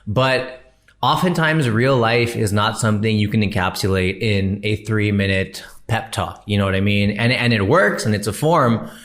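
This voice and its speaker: Male comedian host, thirties, relaxed slangy monologue, slightly low register. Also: moderate pace. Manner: chatty, slangy, addresses listener as bro. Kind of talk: casual podcast monologue answering a listener.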